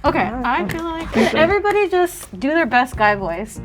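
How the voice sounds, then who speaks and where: A woman's voice: high-pitched, very animated, moderate pace. A woman in her twenties, an upbeat game show contestant who takes charge in a group chat. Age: 20s. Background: background music.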